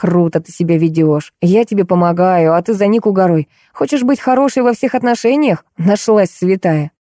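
A woman voicing a sharp-tongued, sarcastic woman artist with a mocking delivery. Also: on the low side, normal speed, no echo, clean studio sound, lightly acted. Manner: mocking, biting.

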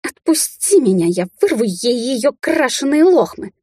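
A woman voicing a hysterical, spiteful young she-wolf in an audiobook, with a shrill, squealing voice. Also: big pitch swings, unhurried, warm tone, breathy edge, no echo, full character voice. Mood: shrieking. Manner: hysterical shrieking.

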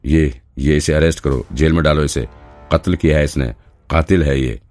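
A man voicing a grieving older mother who shouts accusations in an audiobook. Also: extremely low pitch, steady tone, moderate pace, soft background music. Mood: accusing, furious.

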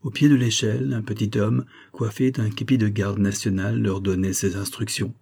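A man narrating a classic novel as an audiobook in a measured, even storytelling manner. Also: on the low side, gravelly, slightly rough.

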